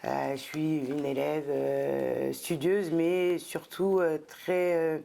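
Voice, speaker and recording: A woman's voice: deep voice, flat delivery, takes it slowly, creaky, dark tone, slight background noise. A middle-aged woman from France, a guest in an interview, talking thoughtfully with many hesitations and fillers. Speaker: guest, entrepreneur and former specialized educator. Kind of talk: casual interview talk.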